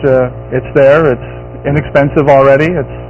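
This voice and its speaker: A man's voice: mid-range voice, steady tone, normal speed, soft background music. A middle-aged man giving a conversational product explanation as a guest expert on a shopping show. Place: TV studio kitchen set. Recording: lo-fi TV audio, faint hum.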